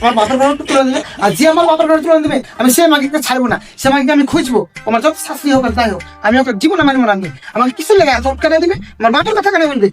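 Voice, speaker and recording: Fiery young daughter-in-law. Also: female voice, high-pitched, expressive, faint music behind. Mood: furious. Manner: loud, fast, argumentative. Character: sharp-tongued young village daughter-in-law, quarrelsome. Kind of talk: comedy skit acting.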